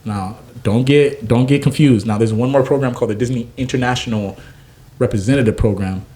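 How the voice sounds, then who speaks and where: An animated young man chatting as a guest on an interview show, from Naples, Florida. He tells his stories with energy and puts on little voices for the people he quotes. His voice sits at an ordinary, middle pitch. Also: fairly quick. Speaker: guest chef and food truck owner. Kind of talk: casual interview chat.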